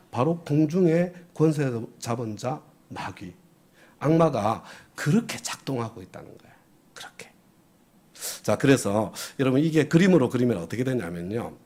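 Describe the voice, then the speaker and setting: A man's voice: on the high side, mellow. A male pastor preaching a sermon, who keeps asking his congregation questions and drives each point home with emphasis.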